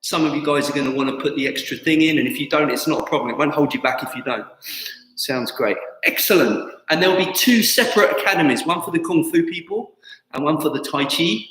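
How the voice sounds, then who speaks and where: Talking fast and conversationally to students online, this man in his fifties teaches tai chi from an indoor studio with wooden floors. His tone is fairly bright and a little high. Echo fills the hall, with soft music faintly behind him.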